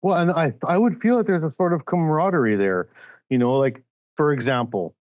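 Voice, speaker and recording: A man from Chile hosting a podcast interview, talking in an animated, emphatic way and building his points with examples. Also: fairly high pitch, a little fast, no echo, narrow, tinny audio. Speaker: podcast host. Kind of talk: casual interview chat.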